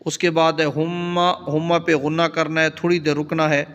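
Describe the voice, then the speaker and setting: A man's voice: fairly high pitch, flat delivery, fairly bright tone, lo-fi sound. Urdu-speaking man chanting recitation, echoing hall. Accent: Pakistani Urdu. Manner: slow, drawn-out chanting of example words between quick explanations. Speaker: Islamic scholar teaching prayer recitation. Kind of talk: recitation lesson with chanted examples.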